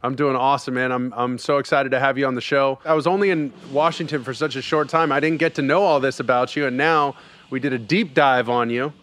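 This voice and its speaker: A man's voice: medium pitch, steady tone, a little fast, a bit bright. A man hosting a casual podcast interview, asking questions in a chatty, upbeat way. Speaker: podcast host.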